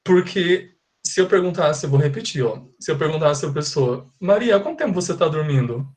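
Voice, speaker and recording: A man's voice: on the high side, animated, a little fast, darkish tone. A Brazilian man who teaches English, giving a live online class. He explains patiently, repeats his points and keeps checking that his students understand. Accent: Brazilian Portuguese.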